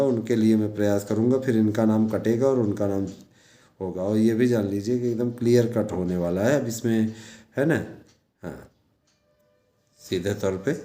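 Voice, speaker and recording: Mellow, echoey man addressing followers. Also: on the low side. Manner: repetitive, exhorting, with frequent check-in tags. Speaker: teacher and online news presenter. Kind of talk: informal monologue addressed to followers. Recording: echoey room sound.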